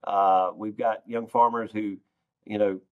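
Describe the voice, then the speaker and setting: A man leading a farm organization talks plainly and sincerely in an interview over a computer microphone, with a lowish voice, flat delivery, and slightly slow pace. The sound is phone-like, and he's indoors in a conference room paneled in wood.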